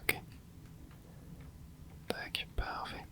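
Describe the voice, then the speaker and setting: This ASMR channel host speaks extremely slowly in a soft whisper, chatting to himself during a video game session. His casual commentary leans heavily on gamer slang.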